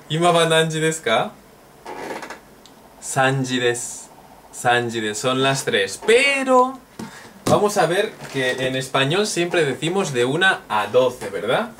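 A man teaching a recorded language lesson, drilling phrases slowly and joking as he goes. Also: medium pitch, fairly bright tone. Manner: slow, repeats drill phrases, jokes and laughs. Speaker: Japanese teacher. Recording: distant mic with faint noise.

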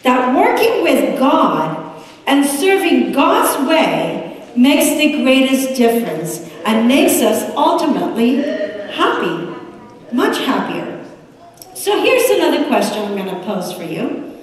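A woman preacher with a Puerto Rican accent delivers a sermon in a high, lively voice that rises and falls. She speaks at an unhurried pace. The voice comes from a distance and echoes around a large sanctuary. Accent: Puerto Rican Spanish. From United States. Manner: expressive, gesturing at a pulpit. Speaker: pastor. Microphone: room mic from a distance.

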